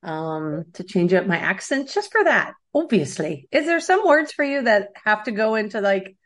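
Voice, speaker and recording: A woman's voice: medium pitch, sing-song, moderate pace, a bit bright. A woman in her thirties co-hosting a podcast, chatting casually with lots of fillers and laughter. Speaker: podcast co-host. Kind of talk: casual chat.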